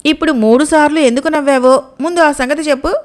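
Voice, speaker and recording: Woman doing a simple fisherman, insistent questions, high voice, storybook reading. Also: steady tone, fast, close to an everyday voice. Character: simple, demanding male fisherman, grown man.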